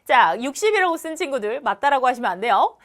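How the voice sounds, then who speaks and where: A woman's voice: sits high, sing-song, fast, fairly bright tone. A young woman teaching an English lesson, explaining each question step by step with patience and repeating words to drill pronunciation. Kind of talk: recorded exam walkthrough lesson.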